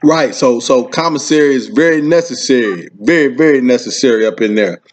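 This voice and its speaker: A podcast host with a medium-pitched, expressive voice talks fairly quickly while interviewing a caller. He speaks informally and repeats phrases for emphasis. Background noise can be heard.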